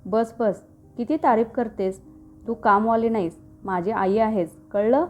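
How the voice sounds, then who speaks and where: An eager, affectionate teenage daughter, as a woman storyteller puts her on, her voice pitched a little high and lifted with keen energy. A storybook girl who talks to her mother with fond liveliness, faint music playing softly underneath. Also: unhurried, close to an everyday voice.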